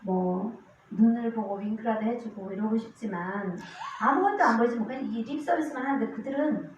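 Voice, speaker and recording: A woman deaconess gives an earnest, story-filled church testimony in a fairly high voice. She is picked up from a distance in a very echoey sanctuary. The recording is dull and lo-fi, with faint room sound behind her. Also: fairly quick, slight background noise. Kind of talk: church testimony with scripture reading.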